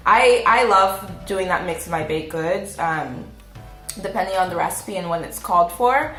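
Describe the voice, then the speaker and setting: In a casual vlog, a woman who makes recipe videos taste-tests her own cookies, sounding chatty and enthusiastic with lots of fillers. Her lowish voice is expressive and a bit bright at a moderate pace, and the room has an echo with faint music behind.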